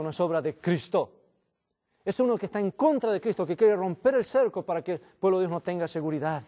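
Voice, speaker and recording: A man's voice: on the high side, warm tone. A man preaching an earnest sermon as pastor in a church, addressing the congregation as brothers.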